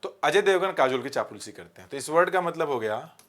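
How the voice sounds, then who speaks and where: A man teaching vocabulary with memory tricks, asking rhetorical questions and repeating key words slowly. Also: a little high, lively intonation, a bit bright. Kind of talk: vocabulary lesson with mnemonics.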